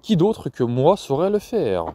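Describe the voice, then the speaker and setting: A man's voice: a little high, sing-song, measured pace, warm tone, no room sound, voice pushed up. A man playing a cold, stern father who speaks curtly and firmly. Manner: curt, firm, expressionless.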